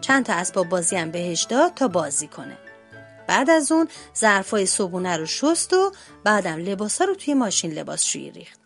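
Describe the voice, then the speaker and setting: A woman reading a children's storybook aloud as narrator, in an expressive, lively way. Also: medium pitch, gravelly, faint music behind. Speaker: translator and storybook reader.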